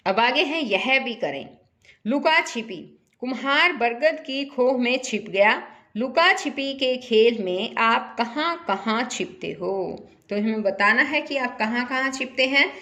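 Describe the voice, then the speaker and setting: A woman's voice: fairly high pitch, lively intonation, slow pace, sharp tone. A woman teaching a primary-school lesson to children, patiently repeating examples and putting questions to her young pupils.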